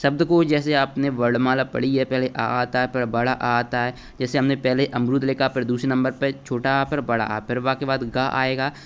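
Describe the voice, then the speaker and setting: A man's voice: medium pitch, level tone, normal speed, few pauses, smooth, lo-fi sound. A male teacher walking children through an exam paper step by step, checking in often as he explains. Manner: explains step by step, addresses children, repeats "है ना" and "ठीक है". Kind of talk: exam paper walkthrough lesson.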